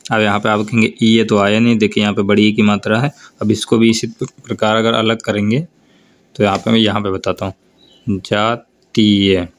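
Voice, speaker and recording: A man teaching a grammar lesson for board exams, explaining slowly and over and over telling students to look and answer. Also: on the low side, level tone. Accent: North Indian Hindi. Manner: slow, drawn-out explanation with repeated prompts to look.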